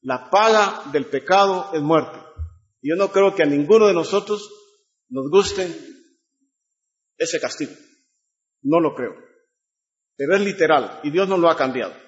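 A man's voice: a little high, unhurried, pauses often, dull audio. A man preaching a sermon, reading scripture and asking the congregation rhetorical questions.

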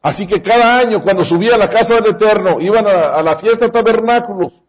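A man delivers a sermon in a fairly high voice. He speaks straight to his listeners and acts out the lines he quotes. The recording sounds dull and lo-fi. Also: quick pace. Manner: addresses the congregation directly. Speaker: preacher.

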